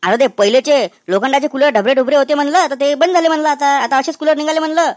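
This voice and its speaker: A brash cartoon cooler seller who talks up his wares loudly, played by a woman. He speaks in a Vidarbha Marathi accent, high-pitched and rattling along fast. Full of pushy village sales talk. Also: natural voice. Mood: selling. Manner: loud, brash sales patter. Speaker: voice actor. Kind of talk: cartoon comedy voice acting.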